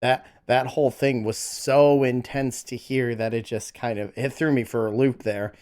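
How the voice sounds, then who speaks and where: A man's voice: mid-range voice, steady tone, normal speed, a little mellow. A man streaming a casual reaction to music, exclamatory, often stammering and repeating himself as he talks. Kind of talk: casual excited reaction chat.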